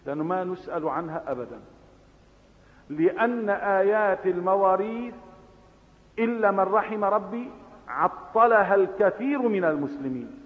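Man, preacher, Levantine accent, impassioned sermon, hushed asides, loud exhortation, long hall reverb. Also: sits high, lively intonation, moderate pace, pauses often, narrow, tinny audio. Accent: Levantine Arabic.

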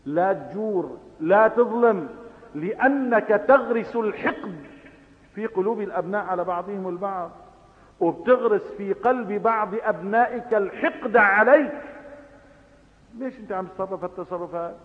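High-voiced preacher with a Levantine accent. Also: male voice, moderate pace. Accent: Levantine Arabic. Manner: impassioned, swinging from hushed asides to loud exhortation. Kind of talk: sermon. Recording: phone-like, with long reverb.

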